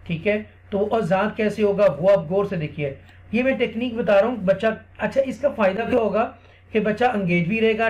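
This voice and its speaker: A man teaching other Quran teachers a classroom technique in a screen-recorded tutorial. He explains step by step, often checks in with "theek hai", and reads English lines slowly and deliberately. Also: high voice. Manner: slow, deliberate English read-aloud.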